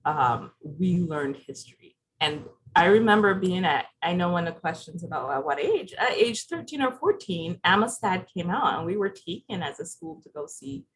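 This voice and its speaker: A woman gives a presentation over a video call, her pitch sitting fairly low. Her intonation is very lively and rises and falls a lot. She speaks conversationally and keeps checking in with her listeners. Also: normal speed, hardly any pauses, slight background noise, low-quality recording. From Barbados. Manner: conversational, asks the audience questions. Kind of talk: interactive presentation.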